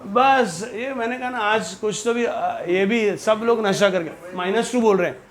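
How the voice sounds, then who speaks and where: Slow, high-voiced teasing maths teacher man. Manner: teasing, joking with students. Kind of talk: classroom lecture. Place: classroom with students.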